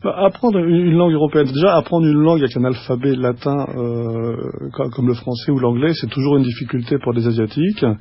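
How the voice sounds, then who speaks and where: A man's voice: mid-range voice, breathy edge. A man speaking as a guest on a radio show, explaining patiently and restarting his sentences often. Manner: explanatory, halting with many restarts and fillers. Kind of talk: radio studio conversation. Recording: dull lo-fi radio recording.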